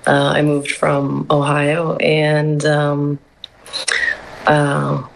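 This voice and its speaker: A woman's voice: low voice, monotone, drawn-out words, gravelly, slight background noise, low-quality recording. A woman being interviewed as an activist, answering hesitantly with many fillers. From United States.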